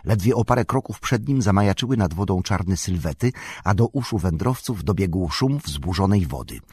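A man reads a fantasy novel aloud in a calm, measured way. His voice is deep and husky. The recording is dry and close, with no room sound. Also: dry recording. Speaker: audiobook narrator. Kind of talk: scripted narration of a fantasy novel.

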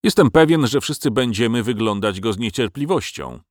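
A man's voice: mid-range voice, lively intonation, fairly quick, no room sound, clean studio sound, close to an everyday voice. A man voicing a cunning, cowardly male dragon who haggles to save his life in a storybook reading. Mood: mocking. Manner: wheedling, bargaining.

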